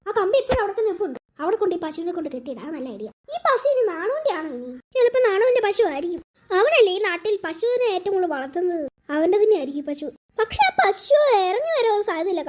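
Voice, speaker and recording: A woman voicing a fretful village grandmother in a cartoon, fussing and muttering to herself. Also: very high-pitched. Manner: fast, excitable, fussing to herself. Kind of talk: cartoon voice acting.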